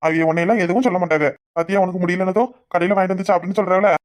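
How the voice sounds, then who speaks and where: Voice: mid-range voice, fairly even intonation, racing, natural voice. A voice actor playing a coaxing young village husband in a cartoon, with a Kanyakumari Tamil accent. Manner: coaxing, pleading.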